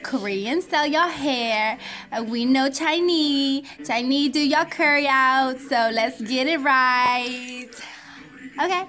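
Brash lecturing woman with an exaggerated Vietnamese accent, put on by a woman, high voice, slow drawn-out delivery, comic skit. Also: pushed and bright, exaggerated voice. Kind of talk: comic social media skit.

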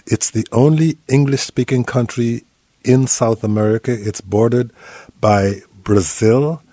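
An older man from Guyana hosts a radio talk show, speaking in a measured, deliberate way. His voice is dark and mellow, recorded close and dry with no room sound. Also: fairly low pitch, no room sound.

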